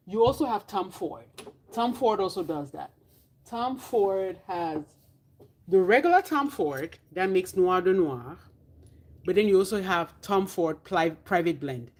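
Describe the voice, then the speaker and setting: A woman with a fairly low voice talks casually straight to camera about perfume. She is candid and animated, slips in playful asides and the odd swear, and sometimes drops to a hushed whisper. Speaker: perfume vlogger.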